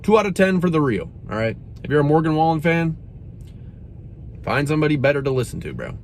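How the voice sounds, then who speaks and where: A man's voice: fairly high pitch, quick pace, a little hiss or hum. A young man reviewing a drink in a casual, exasperated rant, saying "bro" often. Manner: animated, exasperated, says "bro" a lot.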